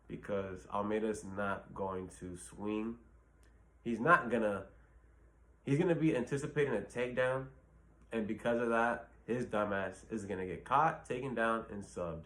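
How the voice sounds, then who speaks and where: A man's voice: on the low side, a bit bright. A man hosting his own channel, giving blunt, profane fight predictions in a rambling casual talk full of fillers. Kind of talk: casual solo commentary.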